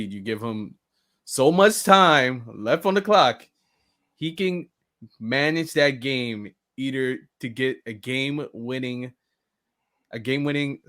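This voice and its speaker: A man co-hosting a casual sports podcast, speaking haltingly with frequent restarts and loose grammar. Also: mid-range voice, fairly bright tone. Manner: halting, restarts phrases, non-standard grammar.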